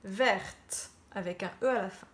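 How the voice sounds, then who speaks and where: Slow, deliberate woman teacher. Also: mid-range voice, a bit bright. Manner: slow, deliberate, spells out words and repeats them. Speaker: primary school teacher. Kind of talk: slow dictation lesson for children.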